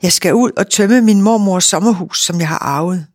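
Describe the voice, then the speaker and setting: A woman reading aloud and voicing a quiet, worn-out young city woman, in a dry recording. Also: medium pitch, dry recording, close to an everyday voice.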